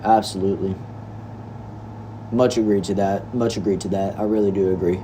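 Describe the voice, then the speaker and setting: Speaking low with a steady tone and moderate pace, a nineteen-year-old Texan man reads comments on a laid-back livestream from an indoor room. He's chatty and easygoing, using bro and y'all, against a noisy background.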